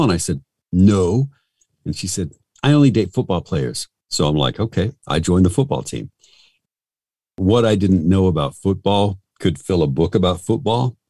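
A middle-aged man with a very low, deep voice tells stories in a casual interview, wandering through his thoughts with fillers and false starts. The recording is close and dry, with no room sound. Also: darkish tone, no room sound. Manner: rambling, full of fillers and restarts. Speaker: radio host and voice actor, interview guest.

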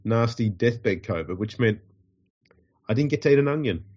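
A man's voice: mid-range voice, expressive, moderate pace, a little mellow, breathy edge, highs cut off. A man with an Australian accent and a nasal, stuffed-up voice from a runny nose, hosting a podcast in casual, dryly joking banter. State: getting over covid with a runny nose. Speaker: podcast host.

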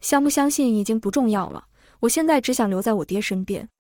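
A woman voicing a sorrowful but resolute young noble lady who speaks softly with sighs, in a story reading. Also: a little high, quick pace, no room sound, studio quality, lightly acted. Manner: soft, sighing, calm.

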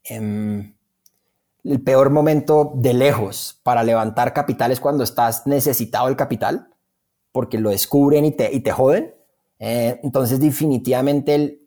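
Here a Colombian-accented man with a mellow, mid-range voice is interviewed about his startup, which he founded. His answers are relaxed and chatty, and he tends to repeat words for emphasis.

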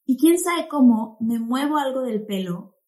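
A woman, a guest in a casual chat, telling anecdotes in a lively, chatty way. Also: high-pitched, unhurried.

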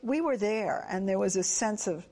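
A woman's voice: medium pitch, normal speed, mellow. A woman interviewer asking probing, conversational questions.

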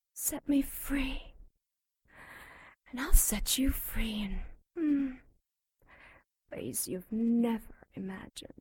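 A woman voicing a seductive, taunting female demon held captive, who speaks in breathy whispers with a slow, mocking delivery. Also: fairly high pitch, darkish tone, no echo, exaggerated voice. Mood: whispered seductive. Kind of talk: audio drama acting.

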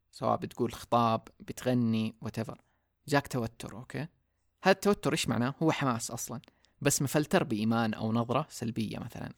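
Fast-talking gravelly man. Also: mid-range voice, no echo, clean studio sound. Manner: reflective, casual, mixes in English words. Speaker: podcast host. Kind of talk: solo podcast talk.

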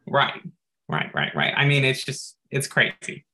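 A man's voice: medium pitch, big pitch swings, measured pace, pushed and bright. A man co-hosting a podcast in casual chat, recapping game lore at length and dropping in frequent "like" asides. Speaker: podcast co-host.

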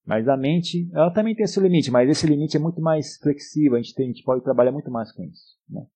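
A Brazilian man speaks as a meditation teacher at a retreat, in a mellow voice with a husky grain. He coaxes gently and without a script, often adding small tags that seek agreement. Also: fairly high pitch, a little fast. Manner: unscripted, gently coaxing, often seeking agreement with short tags. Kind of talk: spoken talk and guided meditation instruction.

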